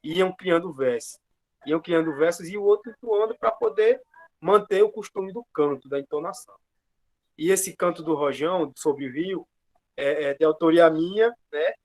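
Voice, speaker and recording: A man speaks as a guest in an online seminar, his voice a touch high. He tells earnestly, stumbling and restarting now and then. The sound comes over a video call. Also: moderate pace. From Alagoas, Brazil. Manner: earnest storytelling with hesitant restarts. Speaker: seminar guest, traditional singer.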